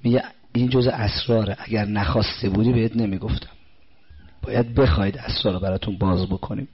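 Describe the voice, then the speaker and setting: A man giving a sermon, putting direct questions to his listeners and slowing down to recite scripture. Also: fairly low pitch, steady tone, breathy edge. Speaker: religious preacher. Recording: dull lo-fi recording.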